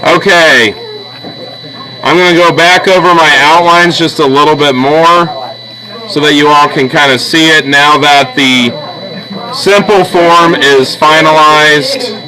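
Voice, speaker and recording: In a busy school classroom, an art teacher with a slightly high, unhurried voice runs a drawing class informally, encouraging students and instructing them as he demonstrates. The rough recording picks up students chattering in the background.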